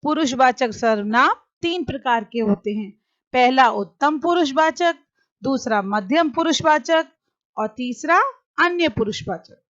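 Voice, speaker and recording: Slow, high-voiced woman teaching grammar. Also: lively intonation, a bit bright, dry recording. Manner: slow, deliberate explaining with examples. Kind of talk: recorded grammar lesson. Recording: dull, dry lo-fi recording.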